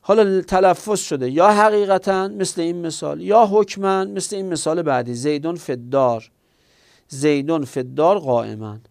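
Slightly high and gravelly with a darkish tone, this male voice belongs to a grammar teacher explaining things one step at a time. He talks straight to his students, often asking a question aloud and then answering it himself.

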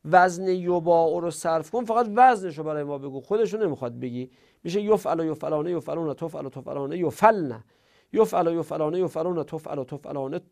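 A middle-aged man teaching Arabic grammar in a classroom lesson, drilling verb conjugations and trailing off quietly at the ends of lines. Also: a little high, vocal fry.

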